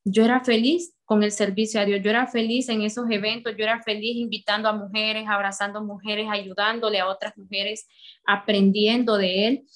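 A young woman with a Honduran accent tells her faith testimony in a heartfelt way. She talks straight to the people listening, at an even, middle pitch. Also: normal speed. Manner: heartfelt, addresses listeners directly. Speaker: testimony speaker.

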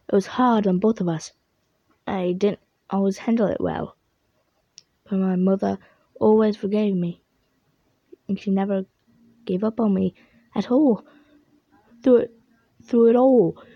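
A woman's voice: medium pitch, a little slow, vocal fry, long pauses, dry recording. A woman voicing an earnest, sentimental character in a children's storybook. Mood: tender, earnest. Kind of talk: children's storybook read-aloud. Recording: dull lo-fi recording.

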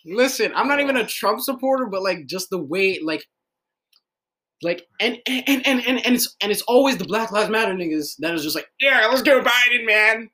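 A man's voice: sits high, expressive, moderate pace, fairly bright tone. A young man co-hosting a casual livestream chat, blunt and profane, often stumbling and repeating words.

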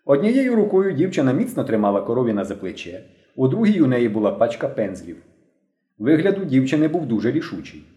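A man reading a novel aloud as an audiobook narrator with lively storytelling. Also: mid-range voice, a little fast. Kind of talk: scripted narration. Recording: roomy echo.

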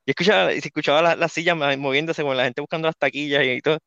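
A man's voice: a little high, steady tone, very fast, a bit bright, clean tone, dry recording. A man on a podcast explaining comic book lore in detail during a casual movie chat. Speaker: podcast co-host. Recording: slightly dull, lo-fi mic.

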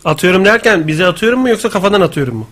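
A young man co-hosting a live radio show, fast and teasing in casual banter. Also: sits high, animated, a bit bright.

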